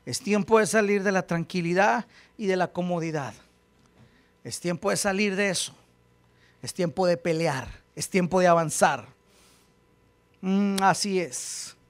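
A man preaching a fervent sermon as pastor, swinging from hushed asides to shouted calls. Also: sits high, measured pace, long pauses.

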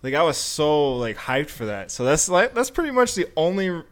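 A man's voice: a little high, sing-song, moderate pace. A young man hosting a podcast, chatting casually and telling stories with an easygoing manner. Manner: easygoing, full of fillers and restarts when telling stories. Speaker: podcast host. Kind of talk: casual chat.

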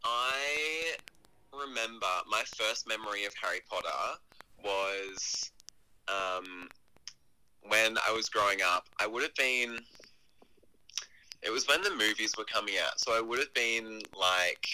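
A man's voice: on the low side, measured pace, long pauses, pushed and bright, smooth, poor audio. A young adult man chatting casually and teasingly as a guest friend, heard through a phone on speaker. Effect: heard over a phone on speaker. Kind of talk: casual chat.

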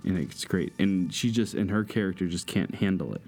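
A man's voice: deep voice, a little fast, heavy background noise. A man co-hosting a podcast, chatting casually and enthusiastically about movies, rambling and teasing. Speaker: podcast co-host.

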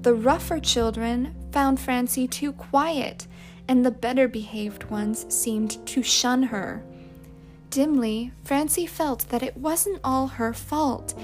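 A woman reading a novel aloud as an audiobook narrator, calm and measured. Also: sits high, faint music behind. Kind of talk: scripted narration.

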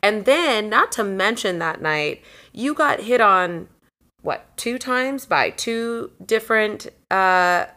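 A young woman co-hosting a casual chat, playful and quick with affirming interjections. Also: mid-range voice, expressive, sharp tone. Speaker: podcast co-host.

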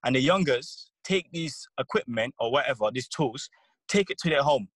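A man in a casual panel debate, insistent and halting, often repeating words as he builds his argument. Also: medium pitch, lively intonation, a bit bright, slightly rough, no echo.

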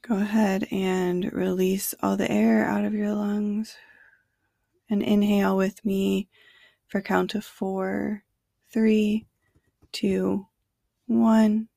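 Very slow, creaky woman narrating sleep meditation. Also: mid-range voice, little pitch movement, no room sound, studio quality. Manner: hushed, soothing bedtime delivery, at times near whisper. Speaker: guided relaxation narrator.

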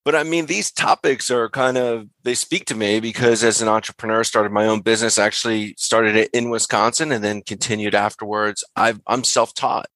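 A man's voice: fairly low pitch, steady tone, bright, forceful tone, no echo, rough recording. A man co-hosting a podcast, chatting casually and easygoing, speaking openly about himself. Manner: easygoing, quick to laugh, speaks of himself candidly. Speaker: podcast co-host. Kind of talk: casual chat.

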